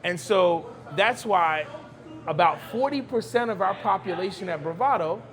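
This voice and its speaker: Here the Brooklyn cigar lounge owner, a podcast guest from New York, United States, has a high-sitting, expressive voice with a fairly bright tone at a moderate pace. He chats emphatically with the interviewer and repeats phrases.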